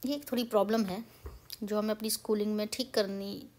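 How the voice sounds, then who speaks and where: एक युवा भारतीय महिला, भारतीय लहजे में, हिंदी और अंग्रेज़ी मिलाकर, धैर्य से उच्चारण का पाठ बातचीत के अंदाज़ में समझाती है।. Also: female voice, medium pitch, steady tone, fairly quick, a little mellow. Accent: Indian English. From India. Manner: chatty, mixes Hindi and English, explains patiently. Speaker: pronunciation teacher. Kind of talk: casual spoken lesson.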